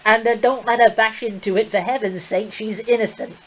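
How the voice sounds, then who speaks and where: A woman's voice: fairly high pitch, fairly even intonation, fairly quick. Teasing woman, slightly muffled. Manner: teasing, laughs easily. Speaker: live stream co-host. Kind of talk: casual chat.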